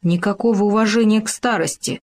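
A woman's voice: medium pitch, a little fast, a little mellow, lightly acted. A woman voicing a grumpy old male hedgehog in a storybook, speaking gloomily. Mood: indignant. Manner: gloomy, grumbling.

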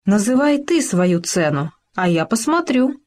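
A woman's voice: mid-range voice, big pitch swings, unhurried, darkish tone. A woman voicing a sly, scheming female fox in a storybook reading, talking in a sugary, wheedling way. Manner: sugary, wheedling, then fretful.

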